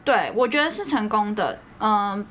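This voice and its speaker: A woman in her thirties with a Taiwanese Mandarin accent, a guest entrepreneur in a casual chat, with quick interjections and calm answers. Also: medium pitch.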